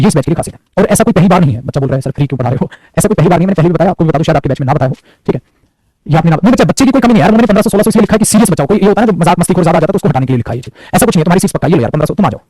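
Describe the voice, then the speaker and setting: A man's voice: high-pitched, warm tone, dry recording. A young man teaching a live online class in a chatty, teasing, scolding way. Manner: chatty, scolding, joking with students. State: sore neck. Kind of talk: casual live class talk.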